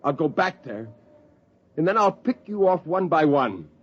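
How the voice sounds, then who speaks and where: An actor playing a bitter, haunted rebel astronaut with brooding, defiant intensity in 1950s radio drama style. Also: male voice, a little high, sing-song, a little slow. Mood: defiant, intense. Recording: dull, hissy 1950s radio recording.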